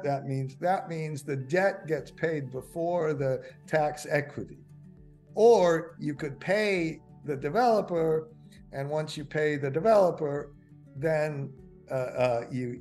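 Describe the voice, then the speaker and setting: An older man giving a webinar finance lecture. He rambles, stumbles over fillers and corrects himself, and gets excited now and then. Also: medium pitch. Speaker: finance instructor.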